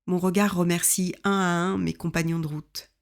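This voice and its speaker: A woman in her fifties reads aloud from her own memoir. Her voice sits a little low, and her telling is measured, intimate and reflective, like someone sharing personal pages with listeners. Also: level tone, creaky. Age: 50s. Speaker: author reading her own book.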